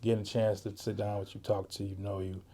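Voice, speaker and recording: A man hosting a podcast interview, talking in a relaxed, easygoing way and often saying "man" and "you know". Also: on the low side, fast talker. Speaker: podcast host; works with juvenile youth. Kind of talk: casual interview chat.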